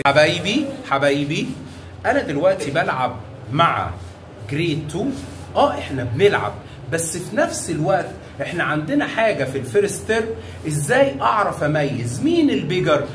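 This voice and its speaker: Egyptian male primary teacher, fairly high voice, coaxing and full of praise, echoey classroom with faint noise. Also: fairly bright tone. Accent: Egyptian Arabic. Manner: coaxing, showers children with praise and pet names. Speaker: primary school math teacher. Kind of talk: classroom teaching with young children.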